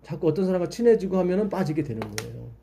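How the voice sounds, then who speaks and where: A man's voice: on the high side, sing-song, fast, creaky, mellow, slight background noise. A man leading a Bible study, explaining patiently and asking his listeners questions.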